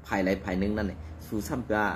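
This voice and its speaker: A man giving conversational news commentary in an animated, rambling way, with frequent fillers. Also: fairly low pitch, very fast, a little hiss or hum.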